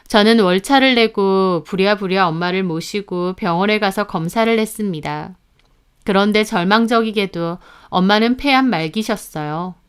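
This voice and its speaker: A woman narrating a first-person story in an even, earnest manner. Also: medium pitch, clear, resonant tone.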